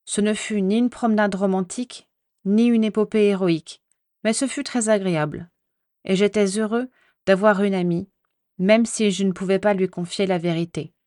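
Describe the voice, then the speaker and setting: A woman's voice: medium pitch, fairly even intonation, normal speed, darkish tone, dry recording, studio quality. A woman steadily reading a first-person story aloud. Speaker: reader.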